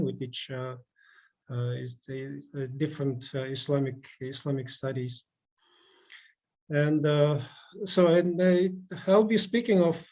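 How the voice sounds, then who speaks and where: A man in his forties, from Russia, giving a halting conference talk over a video call, with many fillers and restarts. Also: on the high side, darkish tone. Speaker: conference speaker. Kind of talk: online conference presentation.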